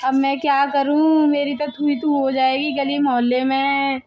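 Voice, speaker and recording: A woman's voice: high-pitched, little pitch movement, a little slow, highs cut off. A woman voicing a proud, fussy older mother-in-law in a cartoon story, boasting and wailing theatrically. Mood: dismayed. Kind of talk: Hindi cartoon dubbing.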